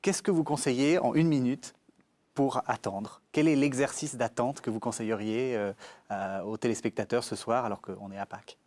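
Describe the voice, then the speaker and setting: A man hosting a spiritual radio discussion, asking his questions with hesitant pauses and fillers. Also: medium pitch, steady tone, a little mellow. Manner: hesitant, fills pauses with "euh". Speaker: radio host.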